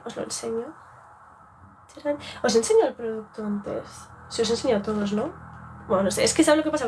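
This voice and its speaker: A woman's voice: on the high side, darkish tone, a little hiss or hum. A young woman from Spain with a Spanish accent, chatting casually on a live beauty stream and rambling off track. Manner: rambling, chatty, self-interrupting.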